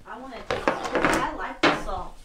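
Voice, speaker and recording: A woman tastes food and chats casually. Her voice runs fairly high, and she talks in a frank, joking way. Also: expressive, normal speed, echoey room, heavy background noise. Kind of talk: casual chat while tasting.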